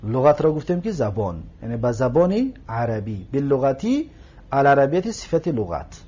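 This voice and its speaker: Lively man teaching Arabic grammar. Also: mid-range voice, breathy edge. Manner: explains slowly, repeats words, checks the listener. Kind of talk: grammar lesson. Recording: dull lo-fi recording.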